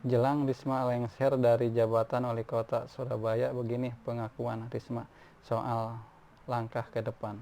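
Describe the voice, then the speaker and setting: Gravelly man reading news, stumbling often. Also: mid-range voice, little pitch movement, unhurried, warm tone. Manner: stumbling, frequent restarts on words. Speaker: news reader. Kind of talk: reading news articles aloud. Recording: faint background noise.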